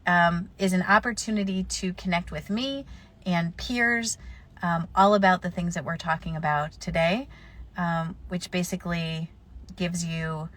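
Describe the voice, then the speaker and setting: Speaking in a lowish, slightly bright voice, a woman florist who has a slight cold responds to viewers' questions during a live stream. She offers practical tips in a casual way, using many fillers.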